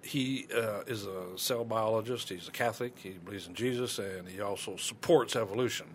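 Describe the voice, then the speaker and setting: A man co-hosting a casual podcast, telling a story in a halting way with many fillers. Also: on the low side, slight background noise. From Kansas City area. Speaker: podcast co-host. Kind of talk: casual chat.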